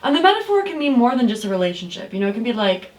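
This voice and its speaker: A woman's voice: fairly high pitch, big pitch swings, very fast. A young woman leading a casual group chat and posing questions to the others in a friendly, easygoing way. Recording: noisy crowd behind.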